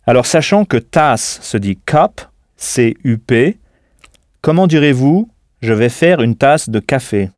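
A man giving a scripted audio lesson, speaking at a mid pitch with a calm, measured delivery. He pauses to spell words out letter by letter, and his voice sounds dry and close, with no room echo. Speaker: English teacher.

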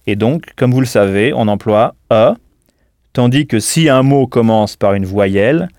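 A man's voice: medium pitch, darkish tone, no echo, clean studio sound. Patient man teaching a language lesson. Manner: clear, patient explaining with pauses for answers. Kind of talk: scripted audio language lesson.

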